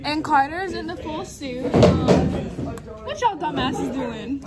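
A woman's voice: high voice, lively intonation, slow pace. A young woman in her teens chatting casually for a handheld vlog, bossy and teasing with her friends. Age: teens to young adult, high school student. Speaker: student vlogger. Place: busy classroom, indoors. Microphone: handheld phone. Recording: noisy room with loud chatter.

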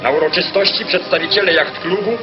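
A man's voice: high voice, a little fast. A man giving formal, solemn scripted narration for an old newsreel, in an official tone. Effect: old newsreel sound. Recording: dull lo-fi 1940s newsreel soundtrack with music.

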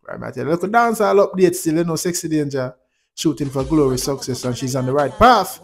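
A man's voice: on the high side, lively intonation, a little fast. A man with a Jamaican accent hosting a channel in Rasta speech, casually commenting on music in Patois with blessings and frequent affirming tags. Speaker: YouTube channel host.

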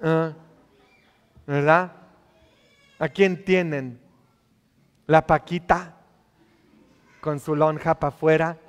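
A man's voice: on the high side, steady tone, drawn-out words, long pauses, clean tone, long reverb tail. A male priest giving a sermon, teasing and scolding the congregation with many questions. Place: church.

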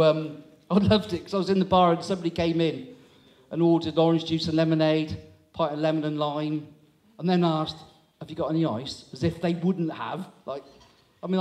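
A man in his sixties compering a comedy show on a small town hall stage teases the crowd in chatty stand-up crowd-work fashion. He speaks into a handheld microphone with a fairly high-pitched, darkish voice.

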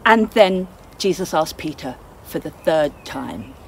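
A woman leading a children's church talk, telling a Bible story in an animated way and asking the children questions. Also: low-pitched, slow pace, a little hiss or hum, poor audio.

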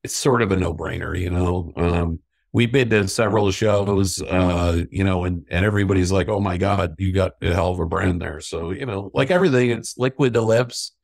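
A middle-aged man with a somewhat low voice rambles through stories with easy, chatty charm. He acts out the people he quotes along the way. The sound is dry and close to the mic. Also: normal speed, vocal fry, dry recording. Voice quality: self-described stubborn Irishman. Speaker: sangria company owner. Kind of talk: casual interview storytelling.

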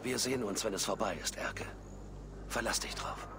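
An actor playing an earnest, devout soldier and loyal comrade in a video game. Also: male voice, lowish voice, moderate pace, background noise, close to an everyday voice.

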